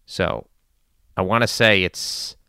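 A man giving informal news and community commentary in a measured, deliberate way with long pauses. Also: low voice, vocal fry, pushed and bright, clear, resonant tone, no room sound, studio quality. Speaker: commentator addressing his community.

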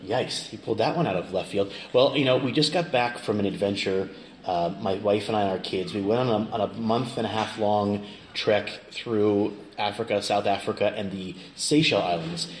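Recorded on location in a roomy, clearly noisy space, a middle-aged interview guest from Kansas in the United States talks casually and jokingly. He has a fairly low voice and speaks at a moderate pace.

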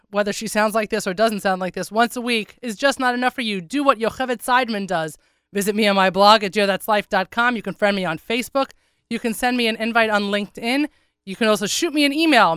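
A woman with an American accent hosts a casual radio show. Her voice is bright and close, though congested and hoarse, with a froggy, swallowed sound. She talks in a wry, self-deprecating way. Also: fairly high pitch, a little fast, dry recording. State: congested, under the weather. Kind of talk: casual chatty radio monologue.

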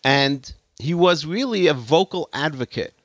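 A man's voice: a little high, lively intonation, a little slow, a bit bright, no echo, lo-fi sound. A man giving a lecture to an audience, telling a story emphatically with hesitant restarts. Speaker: speaker giving a talk.

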